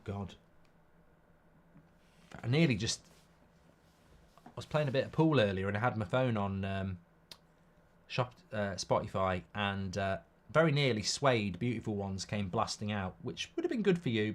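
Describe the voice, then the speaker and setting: A slightly croaky, bunged-up British man hosts a live football watchalong, offering casual commentary and answering the chat bluntly and jokily. His pitch is fairly low, his delivery expressive, his speed normal.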